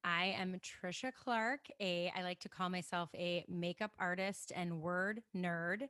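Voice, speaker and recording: A middle-aged makeup artist from the Chicago area, USA, chats with a Chicago accent as a guest in a casual conversational interview, laughing easily at herself. Her voice sits on the low side, steady, a little slow, fairly bright and smooth. The studio-quality recording has no room sound.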